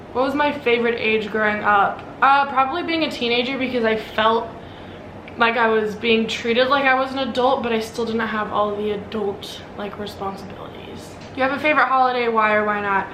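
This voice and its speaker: A woman in her early twenties with an American accent, chatting casually and a bit ramblingly as she answers questions about herself in a vlog. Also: fairly high pitch. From Omaha, Nebraska, United States. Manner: informal, rambling, frequent "like". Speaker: vlogger. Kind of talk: casual get-to-know-me Q&A vlog. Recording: roomy echo, clear background noise.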